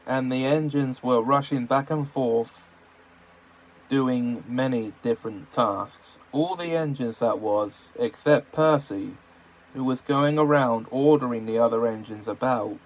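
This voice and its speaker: Slow-reading man narrating a storybook. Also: mid-range voice. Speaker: fan fiction reader. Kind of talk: storybook read-aloud.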